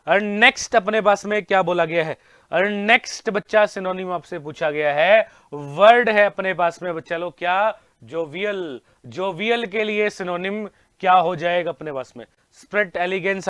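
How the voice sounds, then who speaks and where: A man with an Indian accent teaching English vocabulary in an online exam-prep class, energetic and repeating his questions to the students. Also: sits high, no room sound.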